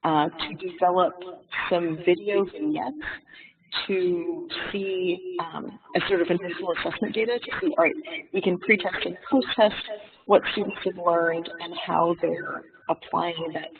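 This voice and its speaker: A webinar presenter talks haltingly, filling pauses with ums and uhs, in a gravelly voice. The call audio carries a sudden reverb, as if heard in an echoing room, and sounds thin and phone-like from off the mic. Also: mid-range voice, fairly even intonation, far from the mic, a crowd in the background. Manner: hesitant, with many fillers.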